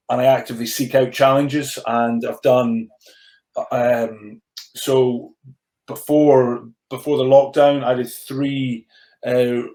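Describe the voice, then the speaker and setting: In an echoey, bare-sounding room, a man in his thirties with a slightly mellow mid-range voice opens up about his life as a rugby player turned coach. He speaks earnestly and reflectively in conversation, and his mostly controlled stammer leads to frequent restarts and repeated words.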